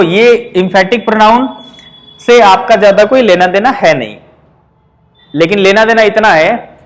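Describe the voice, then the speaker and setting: A man with a fairly high voice and a Hindi accent gives an exam-prep grammar lesson in an indoor teaching room. He explains patiently, checks often that students follow, and slows right down for example sentences.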